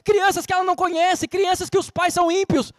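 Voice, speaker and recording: High-voiced Brazilian pastor preaching emphatically. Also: male voice, flat delivery, a little fast, no echo, clean studio sound. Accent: Brazilian Portuguese. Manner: emphatic preaching, rhetorical questions and scripture quotes. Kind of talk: sermon. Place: church.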